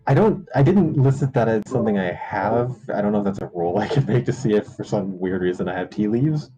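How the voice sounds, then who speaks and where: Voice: medium pitch, animated, brisk, mellow, faint music behind. A player chatting casually during a tabletop role-playing game. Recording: dull lo-fi voice audio.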